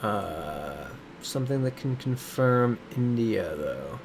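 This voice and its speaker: A man with a fairly low voice and big pitch swings talks slowly over background noise. He's live-streaming a geography game from his big-city home, casually reading chat aloud and riffing on the comments.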